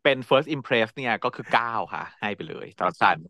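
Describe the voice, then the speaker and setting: A man's voice: mid-range voice, animated, moderate pace, pushed and bright, dry recording, clean studio sound. A man co-hosting a podcast, reviewing a series in casual chat, laughing often and acting out quotes. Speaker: podcast co-host.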